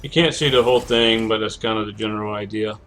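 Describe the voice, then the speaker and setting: A man streams a video game, rambling casually and correcting himself constantly while a cold makes his voice crack. His lowish voice is steady and fairly bright, moving at a quick pace over faint background music.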